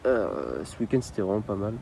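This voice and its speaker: A young French man talks loosely into his phone on a windy waterfront at night, trailing off, restarting and dropping slang as he goes. His voice sits fairly low, and wind buffets the phone mic throughout. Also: very animated, brisk, vocal fry, mellow, poor audio. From France. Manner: rambling, informal, lots of hesitations and slang. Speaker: vlogger. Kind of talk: casual travel vlog chat. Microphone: handheld phone camera. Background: wind and outdoor ambience.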